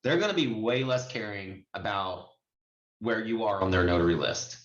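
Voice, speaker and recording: Over an indoor video call with screen share, a man who trains notaries and hosts the session teaches an informal lesson step by step, emphatic and conversational. He speaks on the low side, animated, at a moderate pace. The audio has a muffled, roomy video-call quality.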